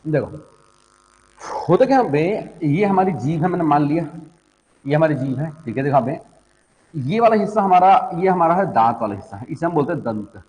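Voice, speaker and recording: A male teacher explains a diagram in class, repeating phrases and filling pauses with "okay" and "look". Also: on the high side, lively intonation, a little mellow. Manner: repeats phrases, fills with "ठीक है" and "देखो". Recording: long echo in a hall.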